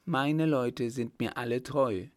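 A man reading an audiobook voices a calm, scheming noble baroness in a raised voice. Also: medium pitch, slow pace, dry recording, studio quality, natural voice. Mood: decisive.

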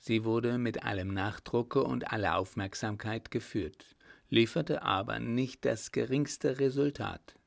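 A man reading a novel aloud as an audiobook narrator at a steady, measured pace. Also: mid-range voice, creaky.

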